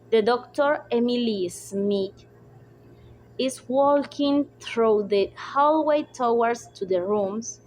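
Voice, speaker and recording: A young woman whose first language is Spanish, slowly reading a dark story aloud with careful pauses, over loud background music. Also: a little high, a little hiss or hum, poor audio. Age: young adult. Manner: slow, careful reading, with pauses between phrases. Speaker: student narrator. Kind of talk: read-aloud story narration.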